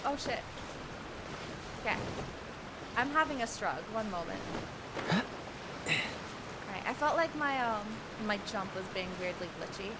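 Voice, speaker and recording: A woman's voice: medium pitch, lively intonation, a little slow, long pauses, very noisy. A young woman streaming a video game, chatting casually in a rambling, slangy way. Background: game music.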